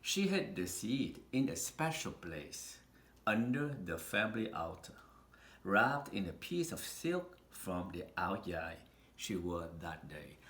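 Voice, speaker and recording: Here a low-pitched man narrates a picture book for kids, his pace very slow and measured. He builds the story with dramatic pauses and vivid pitch changes, recorded in a large, reverberant room with slight noise.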